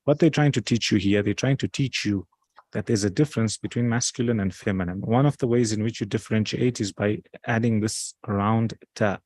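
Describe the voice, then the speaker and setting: A man's voice: on the low side, brisk, a little mellow, no room sound. A man teaching a study circle, patiently explaining step by step. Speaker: religious teacher.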